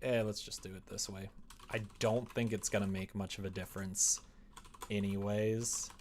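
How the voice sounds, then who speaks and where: Typing away at an indoor computer desk, this young streamer builds a visual novel, mumbling to himself and then turning livelier to chat with viewers. His voice is on the low side with a flat delivery at normal speed, over slight background noise.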